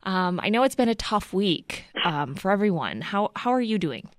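A woman radio host, calm and supportive, reading a scripted introduction and interviewing a guest. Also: medium pitch, moderate pace, no room sound. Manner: calm, supportive, with brief listening cues.

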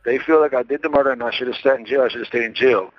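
Fast-talking man on a jail payphone call. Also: mid-range voice, no room sound. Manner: blunt, profane, rambling. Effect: jail payphone call, phone line. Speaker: jail inmate. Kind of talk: phone conversation. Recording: muffled lo-fi phone line.

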